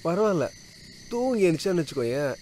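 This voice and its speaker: An actor dubbing a college student who mocks a friend's story in a film. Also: male voice, a little high, sing-song, quick pace, mellow, a little hiss or hum. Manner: mocking, dismissive. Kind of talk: dubbed film acting.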